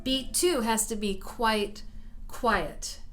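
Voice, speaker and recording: Bright-voiced woman teaching piano. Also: a little high, takes it slowly. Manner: patient step-by-step explaining. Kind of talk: piano practice tutorial. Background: piano playing.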